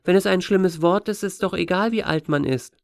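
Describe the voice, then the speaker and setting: Male reader doing a pushy ten-year-old girl: high, whiny, insistent, dry close sound. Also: normal speed, creaky, no room sound.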